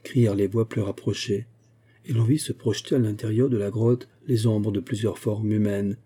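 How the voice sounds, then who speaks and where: A man narrates a novel in an even, measured way. His voice is dark and mellow, with a husky edge. The pitch sits on the low side. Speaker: audiobook narrator. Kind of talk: novel reading.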